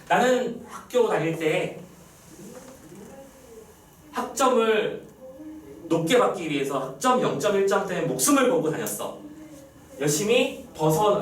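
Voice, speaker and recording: Animated male teacher in an echoey classroom. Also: high-pitched. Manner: lively, checks in often with "right?". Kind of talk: classroom lecture. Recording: echoey room, far from the mic, faint background noise.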